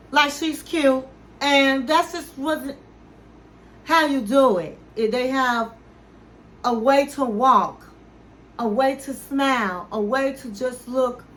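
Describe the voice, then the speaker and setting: A woman's voice: high voice, a bit bright, rough recording. A woman recapping a reality show in a chatty, storytelling way, acting out what each person said. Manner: chatty storytelling, acting out the people she quotes. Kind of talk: casual recap commentary.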